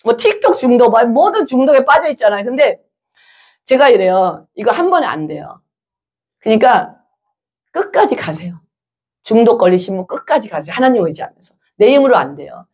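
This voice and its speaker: A woman evangelist preaches an animated sermon in a church, firing rhetorical questions at the congregation. Her voice sits high, with a breathy, husky grain. She acts out quotes as she goes. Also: normal speed.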